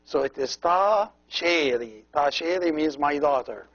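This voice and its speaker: Slow-talking priest guy giving a language lesson, kinda high voice, says each word twice, muffled old recording. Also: expressive, a bit bright. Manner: repeats words slowly and spells out letters. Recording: dull lo-fi recording.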